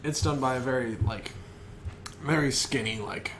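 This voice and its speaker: A man, co-hosting a casual podcast chat, slow and hesitant with many fillers. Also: medium pitch, noisy background. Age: 20s. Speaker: podcast co-host.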